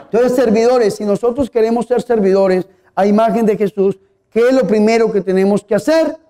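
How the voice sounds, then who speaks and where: High-voiced male priest preaching. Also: brisk, background noise. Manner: conversational, asks the audience questions, tells humorous anecdotes. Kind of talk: sermon.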